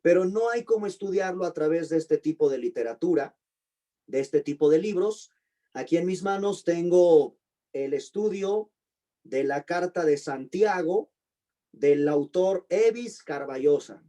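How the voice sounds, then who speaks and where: A pastor giving an online Bible class, slowly repeating and spelling out terms and putting questions to his students. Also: on the high side, expressive, warm tone. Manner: slow, deliberate spelling-out of terms. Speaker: pastor and teacher.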